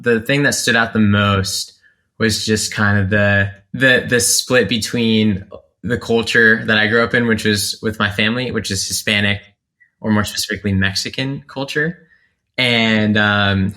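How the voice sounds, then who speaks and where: A reflective man from North Carolina, USA, with a low yet bright voice, speaks as a guest content creator in a casual interview. He uses many fillers and restarts his sentences often.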